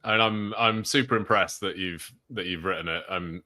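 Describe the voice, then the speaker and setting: Bright, upbeat male webinar host. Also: low-pitched, moderate pace. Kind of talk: hosting a live online interview.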